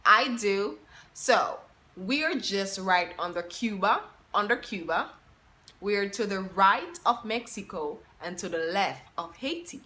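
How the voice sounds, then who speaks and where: A woman's voice: mid-range voice, lively intonation, slow, bright, forceful tone. A Jamaican woman vlogging in a chatty way, repeating herself and asking her viewers questions. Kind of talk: casual talk to camera.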